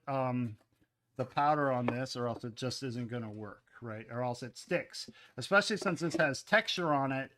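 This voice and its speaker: A man with a bright, fairly high voice talks through a pottery demonstration in his studio. He chats casually, with fillers and asides, and drifts off the mic as he moves around the room. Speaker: ceramics teacher. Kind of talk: live-stream pottery demonstration.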